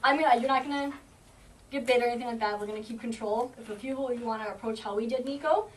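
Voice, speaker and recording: A woman who trains shelter dogs, teaching a group of volunteers with confidence and acting out what the dog thinks. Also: fairly high pitch. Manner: confident, explains with quick acted-out dog thoughts. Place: indoor room at an animal shelter. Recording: distant camera mic, faint noise.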